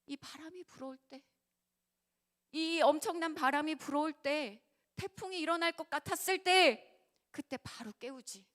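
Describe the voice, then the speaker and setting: Impassioned high-voiced woman pastor. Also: moderate pace. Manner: impassioned, swinging from shouts to whispers. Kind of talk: sermon to a youth service.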